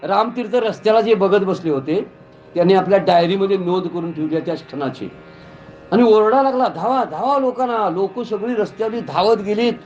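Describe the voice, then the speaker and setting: A man preaching a devotional story sermon in a temple, animated and full of rhetorical questions. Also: high-pitched, a little fast, muffled recording, slight background noise. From Kolhapur, Maharashtra. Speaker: Bhagavat katha preacher. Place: temple gathering.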